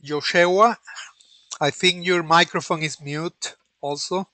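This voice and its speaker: A man giving an online lecture, hesitant and full of pauses and restarts. His voice sits a little high and sounds bright and forceful. The sound is dry and close, with no room echo. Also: steady tone. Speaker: instructor.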